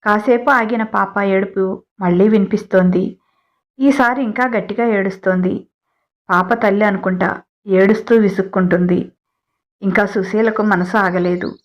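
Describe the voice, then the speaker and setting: A woman's voice: mid-range voice, normal speed, pauses often. Woman narrating a story, dull lo-fi sound. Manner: even, steady reading with chatty personal asides.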